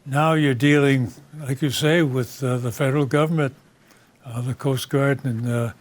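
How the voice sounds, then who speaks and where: A man hosting a local talk show, speaking in an unscripted, conversational and somewhat halting way. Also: mid-range voice, steady tone.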